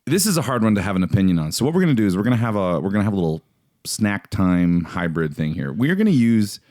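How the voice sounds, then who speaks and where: Young male podcast host, somewhat low voice, dry close sound, playful and animated. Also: fast, dry recording. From Canada. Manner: animated, playful, exaggerated disgust. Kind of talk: casual chat.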